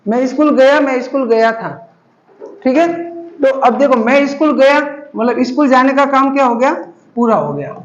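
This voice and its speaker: High-voiced man teaching grammar, roomy. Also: lively intonation, normal speed. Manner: patient, repetitive explaining, addresses students as beta. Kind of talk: classroom grammar lesson. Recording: roomy, dull lo-fi recording.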